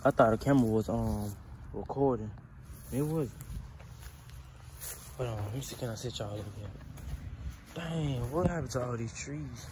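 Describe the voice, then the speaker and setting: A young man with a medium-pitched voice talks at normal speed, with long pauses and background noise behind him. He's a vlogger recording a casual vlog on his phone camera, first outdoors by a pond and then indoors in a room. His chat is loose and rambling, aimed straight at his viewers.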